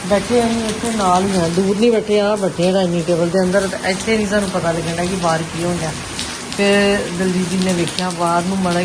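A woman with a Punjabi accent chatting casually to her channel as a vlog host, repeating herself in an expressive, exclaiming way. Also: mid-range voice. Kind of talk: casual home vlog narration. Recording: noisy, rain sound behind the voice. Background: rain falling.

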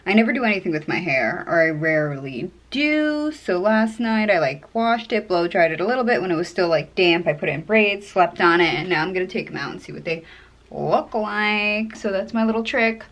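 A woman's voice: mid-range voice, animated, fairly quick, fairly bright tone. A woman in her thirties talking casually to a phone camera held at arm's length, chatty and often exasperated. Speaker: vlogger. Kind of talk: casual vlog talk to camera. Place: outdoors and at home, varied.

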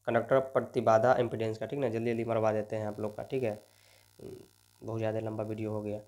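Young male coaching teacher, mid pitch, motivational lecture delivery, constant coaxing tag questions. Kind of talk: lecture solving exam questions.

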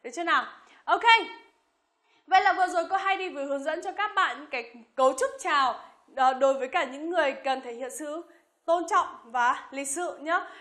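Female language teacher, high and bright, friendly, paces phrases out slowly. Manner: friendly, checks in with questions, models phrases slowly. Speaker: English teacher. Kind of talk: explaining an English lesson.

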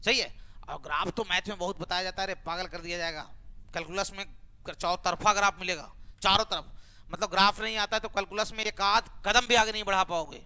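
A man's voice: high-pitched, steady tone, brisk, pushed and bright, clear, resonant tone. A man teaching a maths class, coaxing students to answer with repeated rhetorical questions and homely examples.

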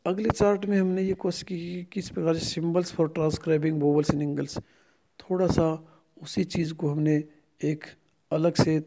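A middle-aged Indian man teaching a phonetics lesson, speaking slowly and drilling each word over and over. His voice is a touch high for a man, yet mellow and dark in tone. He speaks as a native Hindi speaker with an Indian accent. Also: flat delivery. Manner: slow and repetitive, drilling each word aloud several times. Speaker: English lecturer. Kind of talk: phonetics lesson explaining vowel symbols.

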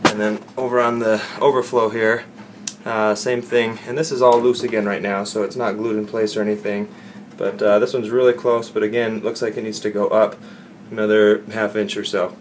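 A young man with a low, level voice walks through a home repair step by step in a casual how-to tone. He talks plainly, with fillers and quick self-corrections. He is picked up on a nearby camera mic in a basement room with a faint hiss behind him. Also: level tone. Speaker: DIY instructor. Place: unfinished basement bathroom, indoors. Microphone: camera mic, filming handheld and close.

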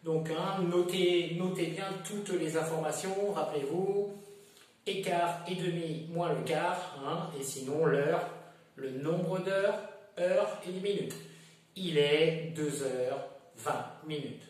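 A man teaching French to Spanish speakers, explaining slowly and repeating each example, switching between French and Spanish. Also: sits high, a little mellow. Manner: slow, repetitive explaining, mixing French and Spanish. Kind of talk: bilingual classroom lesson. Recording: echoey room from far off.

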